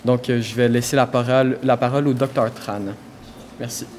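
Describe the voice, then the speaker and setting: Man, brief modest thanks, monotone, slight outdoor noise, distant mic. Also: mid-range voice, fairly quick. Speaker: honored participant handing over the floor.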